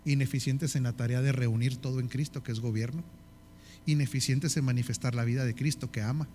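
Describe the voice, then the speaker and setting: This man, whose accent is northern Mexican Spanish, delivers a sermon-like leadership course, frequently checking with listeners and using repeated phrases to list points. He speaks a little fast in a mellow, mid-range voice with fairly even intonation, and there's slight background noise.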